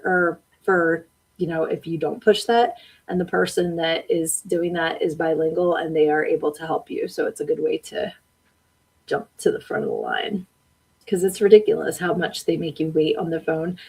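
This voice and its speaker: A woman hosts a live-stream podcast, reading viewer comments aloud, chatting back to them and laughing often. Her low voice has a dark tone and a breathy edge, and the audio quality is poor.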